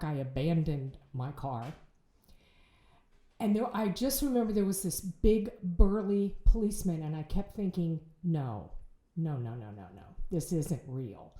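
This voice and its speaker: A middle-aged woman, telling a personal story as a podcast guest in a halting way, with restarts and repeated words. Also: medium pitch, warm tone. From Ohio, United States. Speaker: bereaved mother, podcast guest. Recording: roomy echo.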